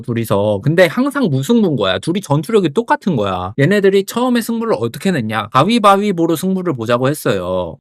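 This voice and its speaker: A young man spins a comic story recap with a playful, joking manner. His voice swings up and down with lots of life and sits a little high. The sound is close and dry, with no room around it. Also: no room sound. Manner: playful, jokey, acts out quoted lines. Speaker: comedic storyteller. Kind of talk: comic recap of an anime plot.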